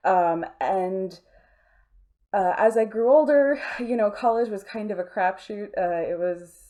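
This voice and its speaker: A woman who produces audio dramas speaks as an interview guest, casual, informal and rambling, with a self-deprecating streak. Her voice is medium-pitched and dark, at a measured pace.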